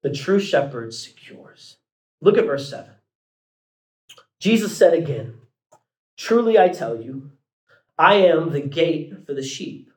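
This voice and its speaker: A man's voice: fairly high pitch, sing-song, a little slow, pauses often. A man in his thirties preaching a sermon, building to emphatic peaks with casual asides. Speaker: pastor. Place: church sanctuary. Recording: echoey church room.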